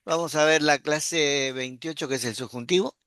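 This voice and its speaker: A man teaching a Greek grammar class online, explaining patiently and often checking in with a quick question. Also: on the high side, a bit bright, clear, resonant tone, dry recording, studio quality. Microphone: computer mic while screen sharing.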